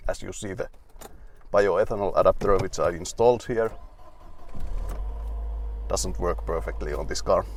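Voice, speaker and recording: A man's voice: low-pitched, a little slow, long pauses, a little hiss or hum. Dry, wry man reviewing his car. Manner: rambling, with restarts and asides.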